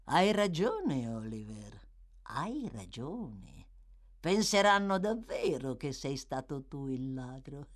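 A woman's voice: a bass voice, sing-song, slow pace, pitched below the performer's own voice, heavily acted. A woman voicing a cunning old male villain, sly and wheedling, sometimes snarling.

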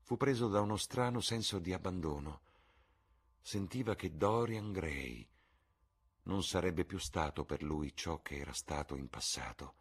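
A man reading a novel aloud in a measured, calm audiobook narration. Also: deep voice, husky. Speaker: reader.

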